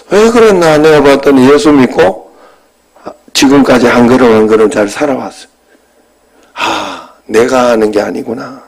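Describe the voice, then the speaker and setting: A pastor in his fifties with a lilt preaches in an easy storytelling tone. His middle-pitched voice rises and falls as he talks, now lively, now nearly hushed. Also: poor audio. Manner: conversational storytelling, swings between animated and hushed. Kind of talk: sermon.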